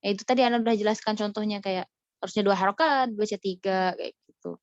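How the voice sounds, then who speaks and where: A woman's voice: mid-range voice, quick pace, no room sound, highs cut off. A woman teaching an online recitation lesson in a chatty way, often demonstrating right and wrong readings.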